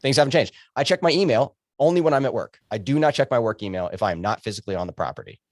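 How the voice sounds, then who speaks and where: Fast-talking man on a dry mic. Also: mid-range voice, lively intonation, no room sound. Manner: fast, emphatic, joking. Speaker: podcast guest, physician. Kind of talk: casual podcast conversation.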